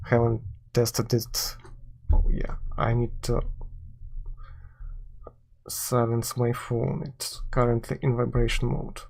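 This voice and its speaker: A man's voice: medium pitch, level tone, slow pace, gravelly, long pauses, a little mellow. A man from Belarus with a Belarusian accent, live-streaming while he codes, talking hesitantly with many filler sounds. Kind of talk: live-streamed coding commentary. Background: keyboard typing and clicking.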